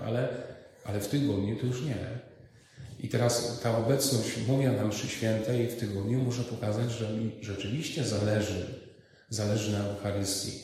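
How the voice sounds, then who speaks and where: A man preaching a sermon as a priest, speaking haltingly with many fillers and repeated words. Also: lowish voice, darkish tone. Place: large reverberant church. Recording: echoey church hall.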